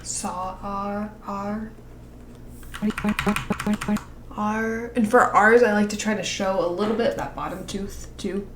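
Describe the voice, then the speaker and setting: Over a screen share, a woman offers casual animation feedback, rambling with plenty of fillers and frequent laughter. Her voice is medium-pitched and steady, fairly quick, in an echoey room with slight background noise.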